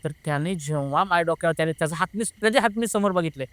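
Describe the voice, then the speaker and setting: Male interview guest, somewhat high clear voice, animated storyteller, dry close recording. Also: dry recording. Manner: animated, rushes and restarts when retelling fright. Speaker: guest recounting a paranormal experience. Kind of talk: conversational storytelling.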